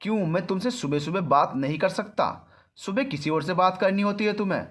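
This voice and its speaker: A man's voice: sits high, fairly quick, fairly bright tone, pitched above the performer's own voice. Man playing an arrogant domineering young man. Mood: angry shouting. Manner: rude, domineering, mocking. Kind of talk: storybook narration.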